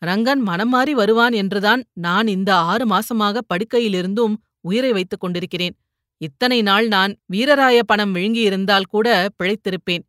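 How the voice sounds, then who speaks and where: A woman voicing a frail old uncle who is gentle and forgiving, in an audiobook reading. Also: mid-range voice, normal speed, dry recording, clean studio sound, natural voice. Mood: tender. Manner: gentle, consoling.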